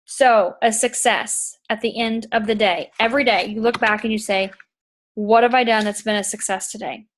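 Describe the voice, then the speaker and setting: With slight background noise behind her, a podcast host reads from a book on her chat show, explaining it eagerly and repeating key ideas. Her pitch sits on the high side, her intonation fairly even, her speed normal, and she coughs occasionally from a tickle in her throat.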